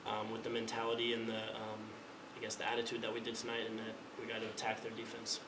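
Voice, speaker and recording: A young man with a lowish voice, a college quarterback, delivers postgame press answers at a quick pace with a completely flat tone, often restarting and repeating words. The recording from the table mic in the indoor press room is echoey, distant, and carries background noise.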